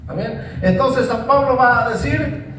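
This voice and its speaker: A man's voice: extremely high pitch, unhurried, a bit bright, a little hiss or hum. A man preaching a sermon, emphatic, often repeating words and saying amen. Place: church hall. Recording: very echoey church hall, mic at a distance.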